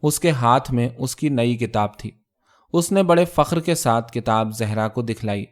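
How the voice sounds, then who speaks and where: A man reads a short story aloud, steady and measured, keeping his voice at an ordinary middle pitch. His pace stays even from start to finish.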